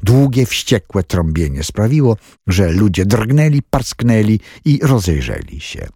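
A male narrator reads a gripping thriller in a low, husky voice. His pitch rises and falls widely as he builds tension. The recording is dry and close, with no room sound. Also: wildly swooping pitch, measured pace, dark tone, dry recording. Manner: dramatic storytelling with wide swings in pitch. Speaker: audiobook narrator. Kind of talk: scripted narration.

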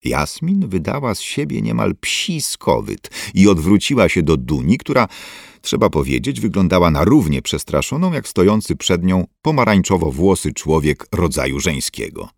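Male narrator, very deep, lively intonation, measured storytelling, dry close mic. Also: creaky, no room sound. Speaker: audiobook narrator. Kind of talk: scripted narration.

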